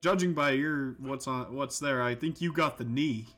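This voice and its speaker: A man's voice: medium pitch, normal speed, fairly bright tone, faint music behind. A man playing a tabletop game, laid-back and jokey. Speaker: player. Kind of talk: casual tabletop game chat.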